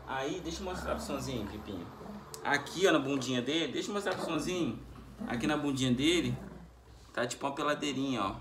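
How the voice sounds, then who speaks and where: A man with a Brazilian accent, filming his dogs at home in doting baby talk with squeals of joy. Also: medium pitch. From Espírito Santo, Brazil. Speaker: pet vlogger. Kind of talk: casual vlog talking to his dogs. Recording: echoey room, loud background noise.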